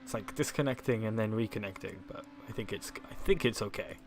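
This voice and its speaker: A man's voice: lowish voice, fairly quick, a little hiss or hum. A man co-commentating a live online race, laid-back, chiming in with short remarks. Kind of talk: live sim racing commentary. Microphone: home mic on a stream setup.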